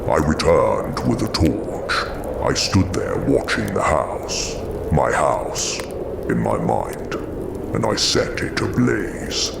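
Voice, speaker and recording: A man playing a tormented, brooding, eloquent monster in an audio drama, with a gravelly voice and slow, solemn, halting speech. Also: big pitch swings, heavy background noise, full character voice. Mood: brooding, bitter. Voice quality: very deep gravelly voice, often breathy.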